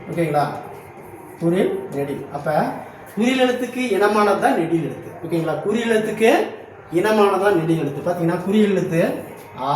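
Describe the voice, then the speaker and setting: High-voiced teacher in a very echoey hall. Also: male voice, a little hiss or hum. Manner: repeats a checking tag after nearly every phrase; spells out letters one by one, drilling. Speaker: exam coaching teacher. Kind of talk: classroom exam-answer lesson. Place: classroom hall. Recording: very echoey room, voice far from mic.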